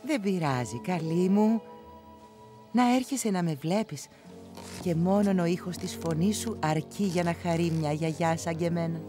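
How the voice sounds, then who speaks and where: Lady doing a sweet blind old granny in a cartoon dub, low voice, soft and loving, music playing. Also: lightly acted. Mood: tender. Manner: soft, affectionate. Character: kind blind old grandmother, gentle and wise.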